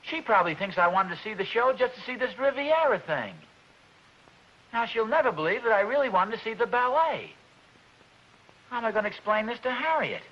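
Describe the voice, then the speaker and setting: A man's voice: extremely high pitch, sing-song, a little fast, heavily acted. A fretful, flustered family man. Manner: flustered, earnest and fretting. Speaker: sitcom husband and father. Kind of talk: 1950s radio sitcom acting. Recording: dull lo-fi old radio broadcast.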